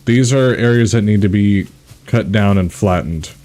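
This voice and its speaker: A man's voice: lowish voice, normal speed, a little mellow. A man chatting casually with a co-host while streaming a game, joking and laughing often. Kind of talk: casual gaming stream chat.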